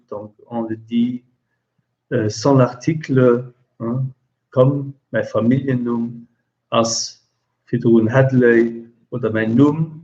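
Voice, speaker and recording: A man teaching a language lesson, explaining slowly with many hesitations and repeating example phrases. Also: mid-range voice, dark tone. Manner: slow, hesitant, many fillers. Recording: dull lo-fi recording.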